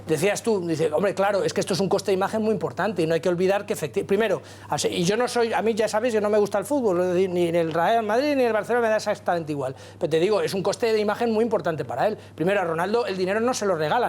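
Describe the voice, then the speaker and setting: A man's voice: sits high, very fast, hardly any pauses, darkish tone. A man with a Spanish accent arguing as a panelist on a political TV talk show, talkative and colloquial, full of rhetorical asides. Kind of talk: heated TV debate. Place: TV studio.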